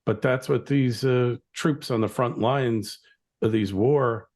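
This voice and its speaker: A middle-aged American man hosts an interview podcast, talking in a loose, rambling way and stopping now and then to pick his words. His voice sits at a medium pitch for a man. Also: a little mellow. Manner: chatty, rambling, quick opinions. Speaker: podcast host. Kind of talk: conversational interview.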